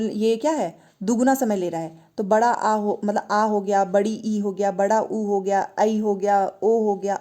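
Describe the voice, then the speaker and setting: A woman's voice: medium pitch, dark tone. A woman teaching an online exam-prep grammar lesson, explaining step by step, asking and answering her own questions and having students repeat sounds aloud.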